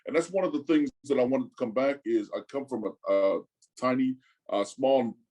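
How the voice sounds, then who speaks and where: A Tongan man in his forties speaks casually as an interview guest, his medium-pitched voice a little mellow on a rough recording. He halts often, repeats words, and keeps tacking "man" onto his sentences.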